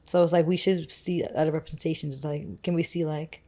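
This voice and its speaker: A woman's voice: low-pitched, fairly even intonation, brisk, warm tone. A young woman co-hosting a podcast, talking in a casual, rambling way with lots of "like" fillers. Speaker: podcast co-host. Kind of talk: casual conversational chat.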